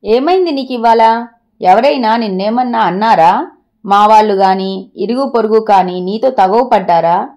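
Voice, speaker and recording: A woman's voice: mid-range voice, a little mellow, lightly acted. A woman voicing an anxious, bewildered husband in a storybook reading. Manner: anxious rapid questioning.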